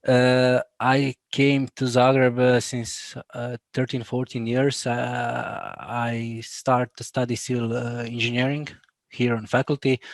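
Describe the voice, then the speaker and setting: A man in his thirties with a Croatian accent talks haltingly over a video call, full of fillers and restarts. His voice stays flat in pitch, and the recording is dry and close. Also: no echo. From Bosnia. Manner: laughs often. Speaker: guest, BIM manager. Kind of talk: casual interview.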